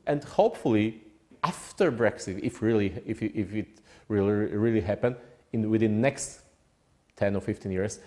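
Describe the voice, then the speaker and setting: A man with a Polish accent giving formal interview answers in a deliberate, diplomatic way with hesitant phrasing. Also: lowish voice, darkish tone. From Poland. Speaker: ambassador, interview guest.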